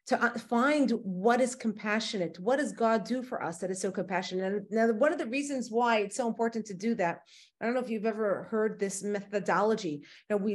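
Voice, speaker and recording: Woman, Torah teacher, conversational and explanatory, mid-range voice. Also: medium pitch. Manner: warm explanatory teaching, rhetorical questions. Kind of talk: casual Torah class.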